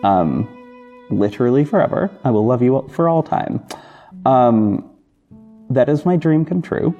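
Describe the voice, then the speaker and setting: In a lo-fi recording backed by music, a man with a mellow, mid-range voice speaks expressively at a measured pace. The podcast host and audio drama creator chats solo and casually to his audience, effusive and informal.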